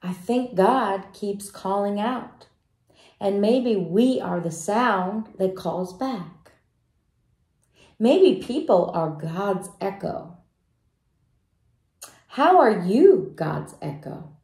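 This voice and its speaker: A woman reading a children's picture book aloud in a slow, gentle way, stopping to ask young listeners questions. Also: mid-range voice, animated. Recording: roomy echo.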